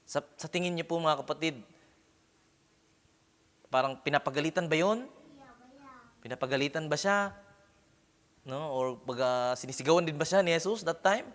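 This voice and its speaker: Bright-voiced preacher in a reverberant hall. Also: male voice, on the high side, moderate pace, long pauses. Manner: punctuates phrases with questioning "Amen?" and "No?"; mixes English words into his preaching. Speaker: pastor. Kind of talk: sermon.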